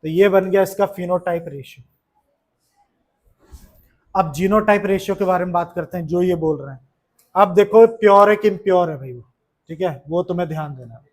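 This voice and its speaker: सवाल पूछता, ऊँची आवाज़ वाला शिक्षक पुरुष. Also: male voice, high voice, normal speed, pauses often. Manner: chatty, keeps asking questions, teasing. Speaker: teacher. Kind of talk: classroom lesson to students. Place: classroom.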